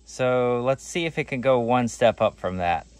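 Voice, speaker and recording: Animated and moderately paced, a mid-range man's voice comes from a do-it-yourself host in his forties, recorded close on a phone camera with no room sound. He casually tests a tool hands-on, restarting as he thinks aloud, on gravel outdoors and in a workshop.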